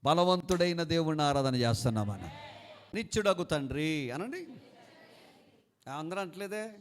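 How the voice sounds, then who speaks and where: A fervent pastor with a high, ringing voice. He preaches with urgency, has his listeners repeat after him, and keeps asking them whether they follow along. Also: big pitch swings, normal speed, slight background noise. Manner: fervent preaching, leading a congregation in call-and-response and shouted prayer; asks listeners questions and tells homely stories. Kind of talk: sermon.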